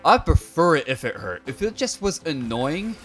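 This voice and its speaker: Young guy streamer rambling jokey stories to chat, lots of "like" and "uh", slightly high voice. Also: big pitch swings, normal speed, loud music behind the voice. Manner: rambling, joking storyteller with many filler words. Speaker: game streamer. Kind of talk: casual chat with stream viewers.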